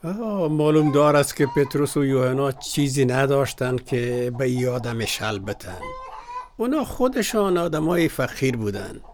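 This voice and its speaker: Brief: actor as a patient, devout husband in a radio play, Afghan Dari accent, even mid-range voice. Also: male voice, mid-range voice, a little hiss or hum, lightly acted. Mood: earnest. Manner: earnest, explanatory. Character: devout husband, patient, earnest explainer of faith. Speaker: husband explaining scripture. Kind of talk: radio drama acting.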